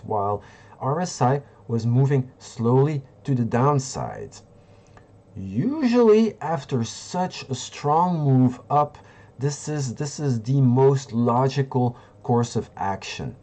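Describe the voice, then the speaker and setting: Man from Belgium, hosting a live market stream; slow, mellow delivery, halting and full of fillers. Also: mid-range voice. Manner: rambling, halting, many fillers and restarts. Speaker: livestream host. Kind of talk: live market analysis and chat.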